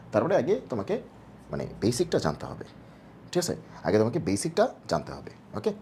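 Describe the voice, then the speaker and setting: A math tutor gives a casual exam-prep lecture, asking and answering their own quick questions in a coaxing tone. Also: mid-range voice, darkish tone, a little hiss or hum. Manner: casual, coaxing teacher talk.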